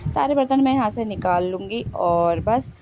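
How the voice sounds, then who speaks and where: A woman's voice: medium pitch, animated, normal speed. Chatty woman vlogger over background noise. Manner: chatty and homely, with many fillers and self-corrections. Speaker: home vlogger. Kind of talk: casual voice-over narration of a kitchen cleanup.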